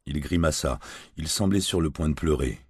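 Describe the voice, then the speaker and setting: A man reading a first-person crime novel aloud in a low, even, measured way. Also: slightly rough, dry recording, clean studio sound. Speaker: reader.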